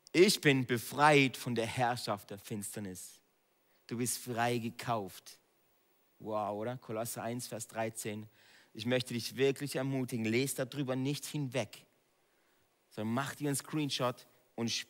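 A man preaching a sermon, proclaiming Bible verses emphatically and shifting between loud exhortation and quiet, close asides. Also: mid-range voice, in a large hall.

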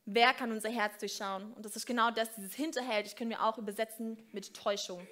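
Bright-voiced woman preaching. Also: on the high side, steady tone, fairly quick. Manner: direct, informal address with swings in loudness. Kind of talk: sermon. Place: church.

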